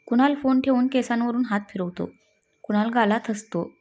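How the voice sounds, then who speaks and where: Mellow-voiced woman reading a story. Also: on the high side, normal speed. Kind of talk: read-aloud story narration.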